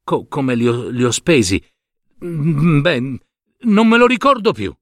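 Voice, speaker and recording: A man voicing a little boy in a storybook reading, stammering and evasive, then shrill and angry. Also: very animated, measured pace, dry recording, studio quality. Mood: flustered.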